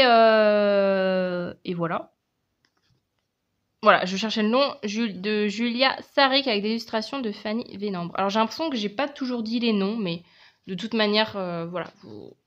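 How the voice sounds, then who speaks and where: A woman's voice: mid-range voice, fairly bright tone, muffled recording. French woman showing off oracle cards, casual vlog chat, lots of euh and restarts. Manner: chatty, hesitant, lots of fillers and restarts. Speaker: tarot and oracle card reviewer. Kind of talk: casual video presentation.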